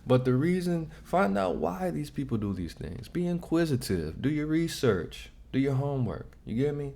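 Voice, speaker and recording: A man's voice: fairly low pitch, darkish tone. A man hosting a casual reaction vlog, giving direct, slangy advice and often repeating himself. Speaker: vlog host.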